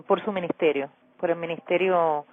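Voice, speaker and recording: A woman's voice: lowish voice, fairly even intonation, normal speed, dry recording. A woman working as a phone company service agent on a call, hesitant and polite but firm. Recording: tinny phone line.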